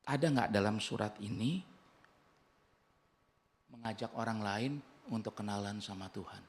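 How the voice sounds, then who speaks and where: A man's voice: on the low side, a little slow, slight background noise. A male pastor with an Indonesian accent, preaching a sermon in a conversational, humorous way and acting out the dialogue he quotes.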